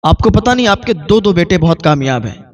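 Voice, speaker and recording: A man's voice: high-pitched, lively intonation, distant mic. A man voicing an indignant, boastful grown son in a sermon story. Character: proud angry grown son, a doctor.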